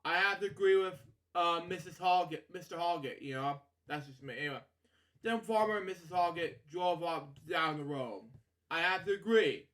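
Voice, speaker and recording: Reading a children's story aloud as host, a man with a somewhat high, slightly bright voice halts, stumbles over words, and repeats himself. He drifts into rambling asides and leans on filler catchphrases like "okay" and "you know."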